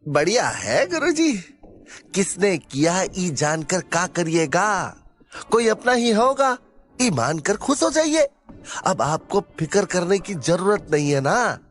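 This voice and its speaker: A man voicing a nervous, flattering young sidekick with a Bihari accent, stammering and chatty in an audio drama. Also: sits high, takes it slowly, pitched above the performer's own voice, full character voice. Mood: coaxing.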